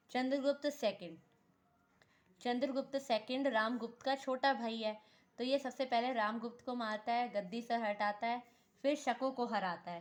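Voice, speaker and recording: A woman with a fairly high voice teaches history for exam preparation, putting questions to the class and then supplying the answers. Key names get repeated, "theek hai" comes up frequently, and she corrects herself in small ways.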